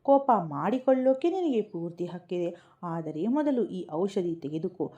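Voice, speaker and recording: Woman voicing a gentle, apologetic young husband, mellow tone, dull lo-fi audio. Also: fairly low pitch, sing-song, moderate pace. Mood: tender. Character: young husband, remorseful and tender. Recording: dull lo-fi recording.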